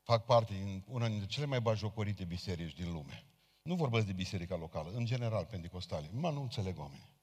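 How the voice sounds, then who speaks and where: A Pentecostal pastor preaches a sermon in a deep, animated, slightly rough voice, speaking fervently and addressing his congregation directly. The recording has a long hall reverb.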